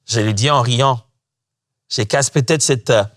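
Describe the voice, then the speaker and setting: A man preaching a sermon as a pastor, lively and expressive, acting out the voices he quotes and laughing between points. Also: medium pitch, unhurried.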